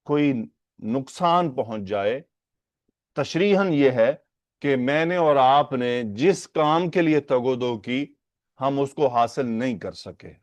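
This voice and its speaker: A man teaching a religious text in an unhurried lecture style, repeating phrases, breaking down their grammar and asking his listeners rhetorical questions. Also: medium pitch, a little mellow, dry recording. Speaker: hadith teacher. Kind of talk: Urdu lesson on Arabic hadith grammar.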